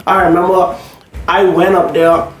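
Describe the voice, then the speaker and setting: A man's voice: sits high, flat delivery, measured pace, faint music behind. A man chatting casually and slangily about personal experience, often checking that the listener follows. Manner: slangy, peppered with "bro" and check-in phrases. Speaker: podcast speaker, music entertainer. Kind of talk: casual faith discussion with personal stories. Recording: roomy echo, faint background noise.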